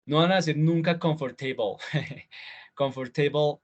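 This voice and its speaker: A man teaching English pronunciation in an online class, relaxed and chatty, slowing down to say model words again and again. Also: mid-range voice, muffled recording. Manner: switches to slow, drawn-out model words and repeats them; relaxed, chatty teaching with fillers and small laughs. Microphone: computer mic on a video call.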